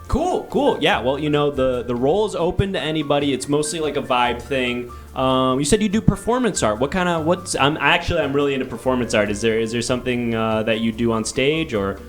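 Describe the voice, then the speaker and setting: A man's voice: medium pitch, animated, brisk, few pauses, faint music behind. A man hosting an improvised comedy casting show in a rambling, conversational and polite manner. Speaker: host.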